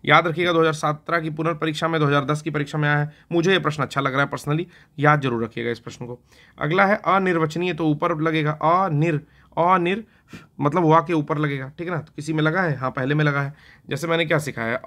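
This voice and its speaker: A man's voice: on the high side, fairly bright tone. A man teaching an exam-prep lesson on spelling, talking casually and often checking in with "theek hai na" while he works through the questions. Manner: talks to himself while writing on a board.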